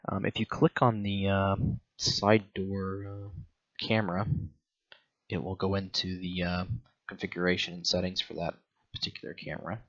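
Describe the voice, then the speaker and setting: A middle-aged male reviewer with a low voice walks through a product casually, explaining each step in a halting, hesitant manner. His delivery is flat and the sound is lo-fi.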